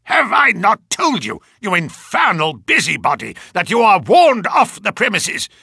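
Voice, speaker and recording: A man shouting as a furious old colonel. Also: high voice, huge pitch swings, measured pace, creaky, husky, no room sound, clean studio sound, voice pushed up, heavily acted. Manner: shouting, blustering threats. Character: furious old male army colonel, bristling.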